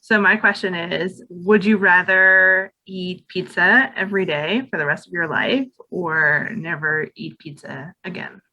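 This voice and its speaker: A woman's voice: lowish voice, measured pace, few pauses, pushed and bright, lo-fi sound. A talkative woman chatting on a podcast, speaking with emphasis. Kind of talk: casual chat.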